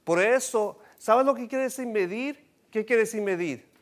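A man preaching to his congregation, with a voice set a little high. He shifts between two languages and throws question after question at the room. He keeps building to loud, animated peaks. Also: measured pace. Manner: switches between Spanish and English, asks the congregation questions; rises to emphatic, animated bursts. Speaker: pastor. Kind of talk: bilingual sermon teaching.

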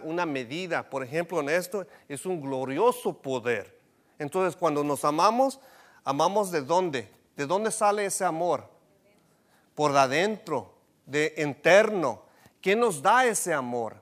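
A man preaching to his congregation, with a voice set a little high. He shifts between two languages and throws question after question at the room. He keeps building to loud, animated peaks. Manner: switches between Spanish and English, asks the congregation questions; rises to emphatic, animated bursts. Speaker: pastor. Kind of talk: bilingual sermon teaching.

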